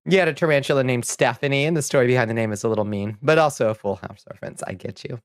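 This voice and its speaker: Here a slightly sniffly man talks casually while gaming, reading chat messages out loud, wandering between topics and quick to laugh. He speaks at a racing pace in a smooth, medium-pitched voice, with a dry, studio-quality recording.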